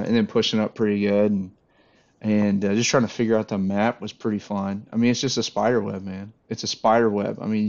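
A man's voice: lowish voice, darkish tone. A man who organizes airsoft games, chatting casually on a podcast in a rambling, laid-back way with lots of fillers. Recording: dull lo-fi audio.

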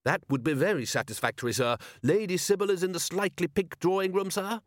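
A man voicing a prim, devoted male butler in an audiobook, formal and fastidious. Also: high-pitched, dry recording, studio quality, pitched above the performer's own voice, natural voice. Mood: earnest.

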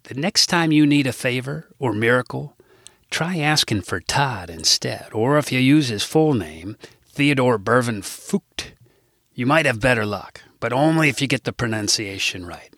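A man's voice: medium pitch, animated, normal speed, a bit bright, no echo, clean studio sound. A man reading his own comic novel aloud, with wry, irreverent asides to the listener. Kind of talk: comic audiobook narration.

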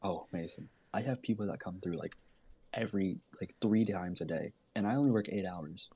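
A laid-back young man with a low, husky voice, talking casually as a podcast co-host. He keeps his replies short and easygoing. The sound is dry and close, from a home computer mic on a call. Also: moderate pace, warm tone, dry recording. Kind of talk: casual chat.

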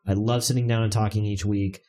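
Podcast co-host, male, low mellow husky voice, eager and excitable. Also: fairly quick. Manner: enthusiastic, easily excited. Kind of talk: casual chat.

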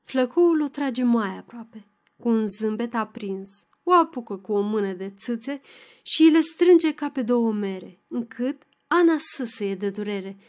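A woman reading a novel aloud as an audiobook, expressive and dramatic in delivery. Her voice sits fairly high for a woman, and she shapes each scene with shifting emphasis. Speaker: narrator.

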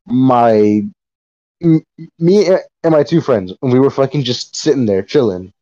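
Mellow-voiced, swearing man telling stories. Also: mid-range voice, animated, a little slow. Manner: profane, rambling storyteller who laughs often. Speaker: podcast co-host. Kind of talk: casual chat. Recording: dull lo-fi sound.

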